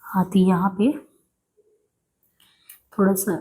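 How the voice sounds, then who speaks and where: A woman's voice: medium pitch, little pitch movement, darkish tone. Patient woman teaching Hindi spelling. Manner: patient, repeats each word slowly, frequent "है ना". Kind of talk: exam-prep spelling lesson.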